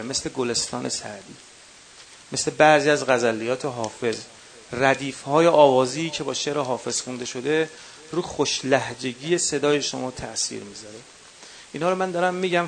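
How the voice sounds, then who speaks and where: A man's voice: on the high side, a bit bright. Qom-accented man giving a workshop lecture. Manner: instructive, addresses listeners as dear ones, counts off numbered points. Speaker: workshop instructor for religious eulogy singers. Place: workshop session with a live audience.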